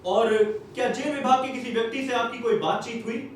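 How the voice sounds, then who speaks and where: An actor on stage playing a male TV news anchor, with a formal, crisp newsreader delivery. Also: extremely high pitch, fairly even intonation, brisk, slight background noise. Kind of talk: stage play acting. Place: theatre stage. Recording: echoey hall, captured from far off.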